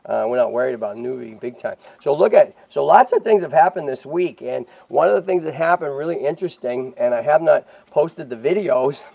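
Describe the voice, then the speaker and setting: A man's voice: a little high, lively intonation, a little fast, vocal fry, few pauses, mellow, slightly rough, no room sound. A man hosting a tortoise rescue livestream in casual chat, talking in a chatty way and checking in often with "right?" and "okay?".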